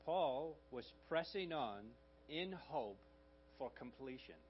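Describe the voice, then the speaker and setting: A slightly hoarse man delivers a sermon at a mid pitch, easy and conversational, tossing in little asides to his listeners. The recording is dull and lo-fi, with a faint hum running underneath. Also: lively intonation, takes it slowly. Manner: conversational preaching with frequent "right?" asides. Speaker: pastor.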